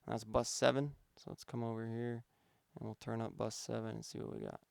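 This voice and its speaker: Man, producer, casual mixing lesson, gravelly, smooth, dry close mic. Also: mid-range voice, fairly quick, no room sound. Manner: relaxed, thinking aloud with fillers. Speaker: music producer teaching mixing. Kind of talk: casual instructional walkthrough.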